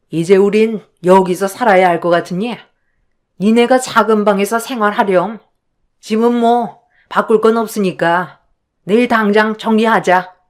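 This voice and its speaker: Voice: medium pitch, close to an everyday voice. A performer voicing an entitled middle-aged mother-in-law who lectures her daughter-in-law in a haughty, scolding way.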